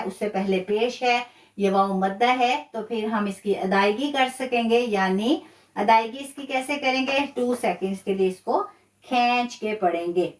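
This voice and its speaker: A woman's voice: a little high, reverberant, far from the mic. A woman teaching Quran recitation rules in a live online lesson, explaining patiently and repeating key words. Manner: slow, patient explaining with repetition.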